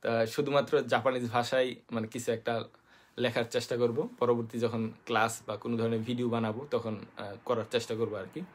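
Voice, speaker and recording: With a flat delivery and medium pitch, a man from Bangladesh teaches basic Japanese in a relaxed live stream, speaking with a Bangladeshi Bengali accent. He says hello to viewers by name, spells out letters at a slow pace, and talks haltingly with lots of fillers.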